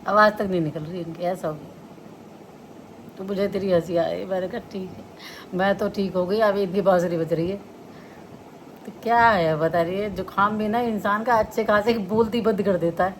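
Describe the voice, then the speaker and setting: A woman's voice: medium pitch, fairly even intonation, normal speed, slight background noise. A middle-aged woman, chatting casually to her viewers and laughing often as she talks. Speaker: vlogger.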